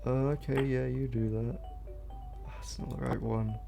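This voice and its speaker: A man's voice: mid-range voice, level tone, moderate pace, vocal fry. A man giving casual, scared and uneasy commentary as he plays a horror game, often muttering his reactions. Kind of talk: casual let's play commentary. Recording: game music behind the voice. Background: game music.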